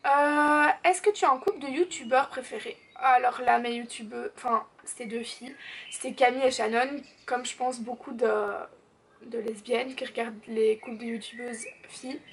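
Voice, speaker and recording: A woman's voice: fairly high pitch, steady tone, moderate pace, breathy edge. An eighteen-year-old woman, chatting casually as she answers viewer questions in her vlog, full of fillers. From Belgium. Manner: chatty and bubbly, lots of fillers and "genre". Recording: slightly distant mic, faint background noise.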